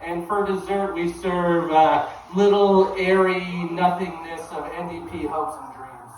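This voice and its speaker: A man doing a deadpan, halting stand-up set in a comedy club, from Canada. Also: high-pitched, a little hiss or hum. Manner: deadpan, hesitant with many ums and uhs. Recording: very echoey room, from far off.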